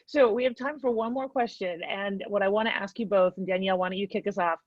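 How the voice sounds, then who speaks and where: A woman's voice: medium pitch, fairly even intonation, quick pace, dry recording, dull audio. A woman moderating a panel discussion, guiding questions and responding appreciatively.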